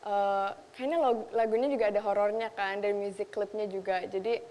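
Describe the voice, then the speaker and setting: A woman's voice: medium pitch, fairly even intonation, moderate pace, darkish tone, big-room sound. A young Indonesian woman, a makeup artist, chatting casually in a talk show interview and mixing in English phrases. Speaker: makeup artist and content creator.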